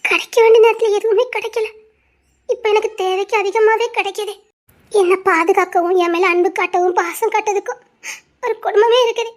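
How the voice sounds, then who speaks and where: A woman playing a tearful, very high-voiced grown daughter. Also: steady tone, brisk. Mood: bitter. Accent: Tirunelveli Tamil. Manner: tearful and bitter. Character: hurt grown daughter rejecting her estranged father.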